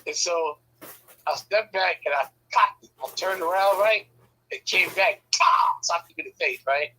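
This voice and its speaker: A podcast host with a high, bright, forceful voice tells a rambling, profane story at a normal pace, often checking in with "right?". The low-quality recording has a little hiss or hum.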